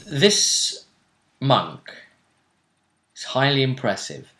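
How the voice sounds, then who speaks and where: This man, a game master who also hosts a vidcast, gives a casual recap of a tabletop role-play tournament with dramatic emphasis and repeated phrases. His medium-pitched voice swings hugely in pitch and moves very slowly over a noisy background. The audio carries a roomy echo.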